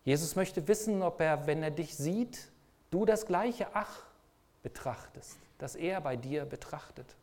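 Guy preaching a sermon, emphatic, keeps throwing questions at you, gets loud then soft. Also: a little high, expressive, measured pace. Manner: emphatic, rhetorical questions, varies loudness.

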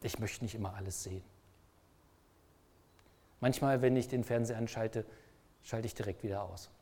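A man's voice: lowish voice, normal speed, dark tone. A man preaching a sermon, speaking emphatically and asking the listeners repeated rhetorical questions.

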